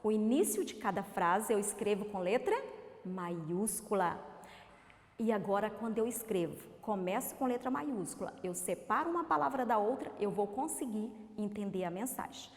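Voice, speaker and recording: A Brazilian woman teaching a recorded literacy lesson to young children, sounding out words slowly syllable by syllable and asking coaxing questions. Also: mid-range voice, expressive. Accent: Brazilian Portuguese. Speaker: primary school teacher. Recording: reverberant room.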